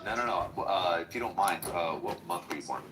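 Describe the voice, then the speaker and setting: A man's voice: low-pitched, fairly quick, noisy background. A man in his forties chatting casually in a laid-back way, often searching for words. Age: 40s. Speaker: livestream participant. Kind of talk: casual group chat.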